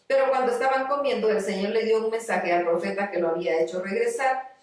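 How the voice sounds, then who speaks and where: A woman reading scripture aloud in a steady, measured way. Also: medium pitch. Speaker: Bible reader. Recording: very echoey room, far from mic.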